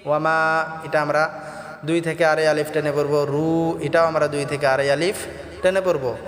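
A man's voice: on the high side, little pitch movement, normal speed, a bit bright, echoey room, in a large hall, faint music behind. Patient male Quran pronunciation teacher. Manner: patient, step-by-step instruction.

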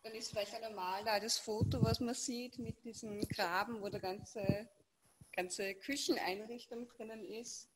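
A woman artist speaking calmly and earnestly in a panel discussion. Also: fairly high pitch, unhurried, noisy background. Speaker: artist guest.

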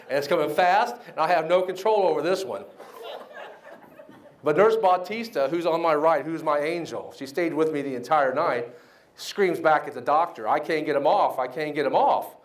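A middle-aged man from the United States giving a keynote speech at a banquet. He tells a story with lively quoted voices and keeps checking in with the crowd. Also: on the high side. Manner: animated storyteller, acts out quotes, asks the crowd "right?". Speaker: keynote speaker.

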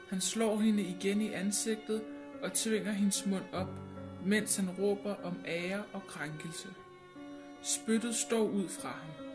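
A woman reading an audiobook in a measured, grave narration. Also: on the low side. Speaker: audiobook reader. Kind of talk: scripted narration. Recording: narration with music bed. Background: music.

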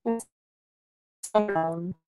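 A woman's voice: medium pitch, mellow, clean tone, no room sound. A woman on a bad internet call whose voice breaks up and stutters into clipped fragments as she chats casually while playing a game. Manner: halting, clipped fragments cut by dropouts. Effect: choppy internet call audio that breaks up and stutters. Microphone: online voice call.

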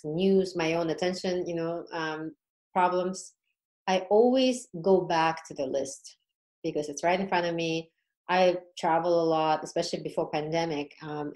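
Appearing as a podcast guest, a woman shares her story in an easygoing, informal manner, frequently asking check-in questions along the way. Her pitch sits fairly low with a darkish tone, and the audio quality is poor.

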